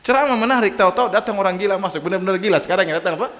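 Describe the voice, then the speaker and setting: A man's voice: sits high, very fast, a bit bright. A male Islamic preacher telling stories in a sermon, acting out quoted dialogue and answering his own questions. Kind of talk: sermon with storytelling. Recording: long hall reverb.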